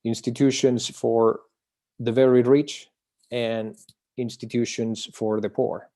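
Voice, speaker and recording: Over a video call, a hesitant Chilean man gives an online academic presentation of his book. His mid-range voice is mellow and flat, delivered slowly, with frequent filler sounds and restarts.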